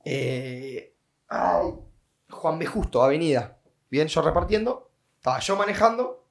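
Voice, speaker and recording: A young man with an Argentine accent tells a story on a podcast. His voice sits high for a man, and he acts out the sounds and voices in his tale with lively energy. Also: measured pace, gravelly. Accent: Argentine Rioplatense Spanish. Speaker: podcast guest. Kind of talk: casual storytelling.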